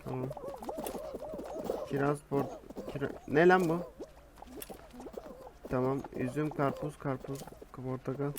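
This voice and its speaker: Excitable young man talking through a game. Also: mid-range voice, slow, pauses often, background noise. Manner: excitable, talks to himself, bursts into loud shouts. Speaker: gameplay commentator. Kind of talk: casual gaming commentary.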